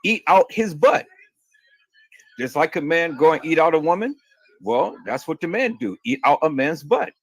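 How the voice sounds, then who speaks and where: A man's voice: on the high side, lively intonation, moderate pace, dry recording. A man in a played clip, ranting in a crude, rambling way and repeating words. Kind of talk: ranting monologue.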